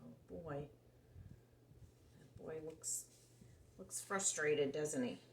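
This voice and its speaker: Low-pitched and gravelly, a woman draws out her words while reading a picture-book story to young children. It's an animated, simple and expressive read-aloud in which she asks the listener questions, recorded with roomy echo and faint background noise.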